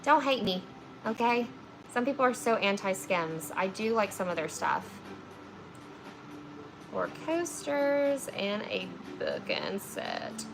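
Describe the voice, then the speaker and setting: Her medium-pitched voice swoops wildly in pitch, sounds creaky, and moves slowly with frequent pauses, heard over music in a rough recording. This woman in her 20s preserves flowers on a livestream, chatting with viewers, reading comments, and constantly saying "like" and "okay?".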